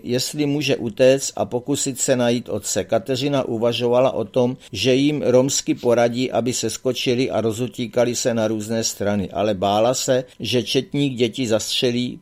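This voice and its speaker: Calm guy reading an audiobook, steady, mid-pitch. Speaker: narrator. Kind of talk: audiobook narration.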